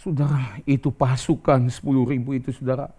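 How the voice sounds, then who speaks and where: Lively preaching man, animated. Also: brisk, breathy edge. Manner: conversational preaching, lively jumps in pitch, acts out quoted dialogue. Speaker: pastor. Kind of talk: sermon.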